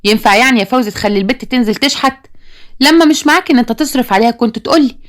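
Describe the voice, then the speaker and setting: A woman's voice: fairly high pitch, very fast, voice pushed up, lightly acted. Woman reading as a scolding Egyptian mother. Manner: scolding, insistent. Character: remarried mother, middle-aged woman.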